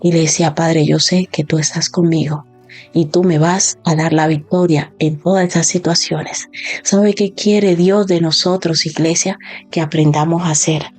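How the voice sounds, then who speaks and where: A woman's voice: sits low, fairly even intonation, a little slow, darkish tone, faint music behind. A woman pastor preaching a sermon with fervent, emphatic delivery, often acting out doubting church members in a raised voice. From Spain.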